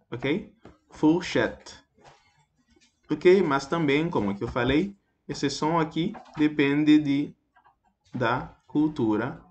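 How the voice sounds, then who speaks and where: A man's voice: medium pitch, a little hiss or hum. A man teaching a basic French pronunciation lesson, repeating example words and checking in with frequent "ok?". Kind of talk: explanatory language lesson.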